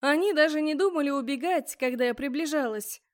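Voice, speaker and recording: A woman reading a first-person fantasy audiobook aloud, expressive and voicing the characters as she goes. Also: sits high, fairly quick. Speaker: audiobook narrator.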